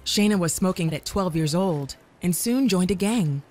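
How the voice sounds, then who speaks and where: A woman narrating a scripted documentary in a measured, even storytelling manner. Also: fairly low pitch. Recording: soft music underneath.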